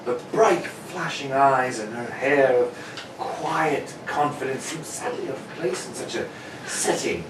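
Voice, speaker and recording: An actor playing Doctor Watson, a loyal, slightly bumbling companion and storyteller, hesitant and dramatic in old radio style. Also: male voice, measured pace, close to an everyday voice. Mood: reminiscing. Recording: roomy, distant mic with noise and rumble.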